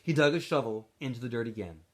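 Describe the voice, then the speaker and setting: Reading a storybook aloud to a class, this man speaks quickly in a mid-range voice, full of expression and animation, with offhand remarks to his young audience.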